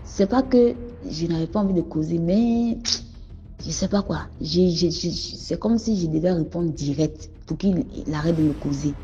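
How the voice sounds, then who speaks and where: A woman's voice: on the low side, moderate pace. A woman with a Cameroonian French accent tells a personal story in a casual, rambling way, often restarting her sentences. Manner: conversational, rambling with restarts and addressing the host. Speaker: caller telling a personal story. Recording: muffled lo-fi audio with music behind. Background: faint background music.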